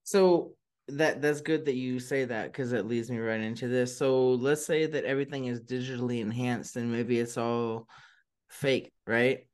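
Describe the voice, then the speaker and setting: Dude hosting a podcast, kinda rambly, trips over his words, nice clear voice. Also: mid-range voice, fairly even intonation, moderate pace, darkish tone. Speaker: podcast host. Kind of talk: casual chat.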